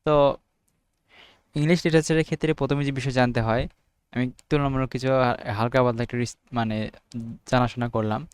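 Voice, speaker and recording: A young Bangladeshi man talks through his notes in an unedited study video, reading English definitions out slowly, a word at a time. His voice is smooth and clear, recorded close and dry with no room sound. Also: mid-range voice, fairly even intonation, no echo. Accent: Bangladeshi Bengali. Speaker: student making study videos. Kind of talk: informal unedited study lesson.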